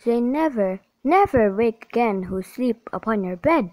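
A woman's voice: a little high, expressive, a little slow, a little mellow, dry recording. A woman voicing a small, wary female fly who turns down offers politely in a storybook poem reading. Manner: prim, refusing politely.

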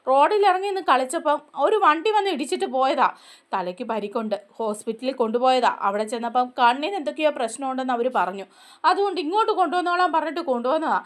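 Woman narrator as a grieving grandmother, pleading, quick high delivery. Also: animated. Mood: lamenting. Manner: lamenting, pleading. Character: distraught grandmother pleading over her grandson.

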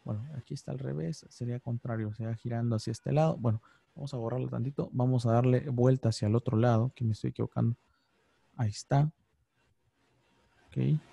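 A man's voice: mid-range voice, fairly even intonation, a little fast, vocal fry, warm tone, breathy edge, no room sound. A man teaching an online class, explaining step by step and often checking in with "ok?". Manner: patient, checks understanding with frequent "ok?". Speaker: physics teacher. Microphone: video call.

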